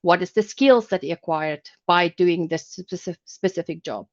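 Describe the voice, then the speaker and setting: South african born woman giving a work webinar, lowish voice, muffled call sound. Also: moderate pace. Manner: explanatory, loosely phrased. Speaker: webinar presenter. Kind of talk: business webinar presentation. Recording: dull lo-fi call audio.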